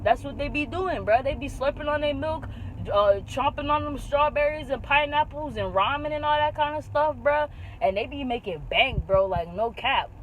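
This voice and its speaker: A young woman vlogging in a casual chat, animated and slangy, leaning hard on "bro" and "like.". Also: high voice, normal speed, muffled recording, slight background noise.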